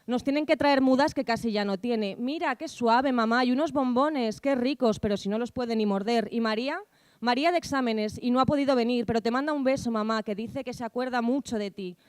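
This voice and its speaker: A woman reading a theatre script with lively, bossy, gossipy family chatter. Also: on the high side, brisk, clear, resonant tone, dry recording, lightly acted. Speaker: actor reading stage directions and roles.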